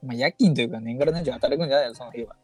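A podcast co-host in casual chat, answering with quick, teasing retorts. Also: medium pitch, a little mellow, husky, faint music behind.

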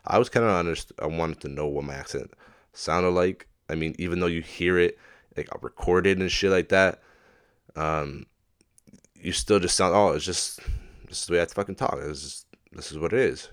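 The podcast host, nose clearly blocked, swears his way through a rambling, casual solo rant into a laptop desk microphone. His voice sits low and smooth at a normal speed.

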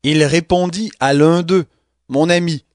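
Higher-voiced man reading scripture, dry. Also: fairly even intonation, unhurried, no room sound. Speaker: Bible reader.

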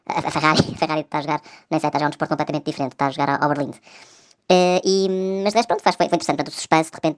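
Sped-up chipmunk voice message: a chatty Portuguese man, very fast and monotone. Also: on the high side. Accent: European Portuguese. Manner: chatty, wry, many fillers. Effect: sped-up chipmunk voice from a fast-played voice message. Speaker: podcast listener sending a voice message. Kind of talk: casual voice-message race review. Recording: voice message played back fast.

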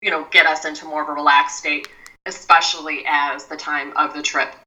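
Woman, mindfulness expert guest, low-pitched, measured explaining, a bit distant from mic. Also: level tone, pushed and bright. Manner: measured, explains step by step with frequent restarts. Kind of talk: explanatory interview talk.

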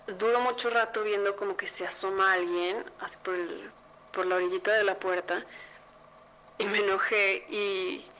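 A young Mexican woman tells a spooky personal story in a loose, chatty way, her voice bright and forward. The recording is dull and lo-fi, with a faint hiss underneath. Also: mid-range voice. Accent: Mexican Spanish. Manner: chatty, lively, full of fillers. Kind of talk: casual spoken ghost story.

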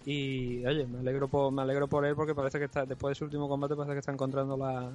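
A man's voice: mid-range voice, little pitch movement, quick pace, darkish tone, faint music behind. A man co-hosting a podcast in casual chat, recounting stories with asides. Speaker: podcast co-host.

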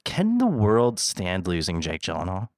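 Casting: podcast guy, lower voice with a lively swing, loose and chatty, close dry mic. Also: measured pace, no room sound. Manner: rambling, laughing easily, many fillers. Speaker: podcast co-host. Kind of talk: casual chat.

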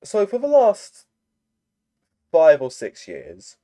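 Young man, mellow low voice, rambling anecdote on a call mic. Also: wildly swooping pitch, slow pace. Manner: rambling, filler-heavy anecdote telling. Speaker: storyteller in a chat. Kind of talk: casual chat over a voice call. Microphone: computer mic on a voice call.

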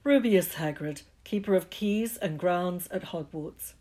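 A woman voicing a huge, rough-spoken but kindly male giant who talks in a broad dialect. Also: fairly low pitch, unhurried, mellow, close to an everyday voice. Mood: gruff, hearty. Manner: broad dialect, gruff and hearty.

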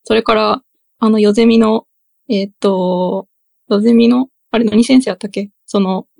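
A woman's voice: mid-range voice, fairly even intonation, moderate pace, gravelly, a little mellow, no room sound. A woman hosting a casual podcast chat, hesitant and full of fillers. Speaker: podcast host.

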